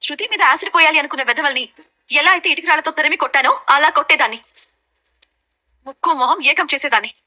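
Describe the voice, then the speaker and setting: An actress playing a proud young daughter-in-law who answers back quickly and defiantly in a TV serial. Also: female voice, high voice, bright, forceful tone. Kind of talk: TV serial acting.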